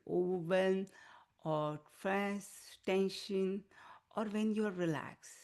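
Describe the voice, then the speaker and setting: A woman leading an online wellness class as a healing teacher, giving soothing, unhurried instruction. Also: on the low side, creaky, warm tone. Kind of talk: online wellness class talk with guided relaxation.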